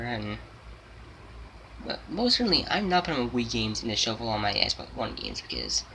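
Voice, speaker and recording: This young man is seventeen, nearly eighteen, and hosts a gaming channel, speaking off the cuff in a rambling way full of repetition and false starts. His voice sits in the mid range with a bright, forceful tone, though the poor audio has a little hiss or hum.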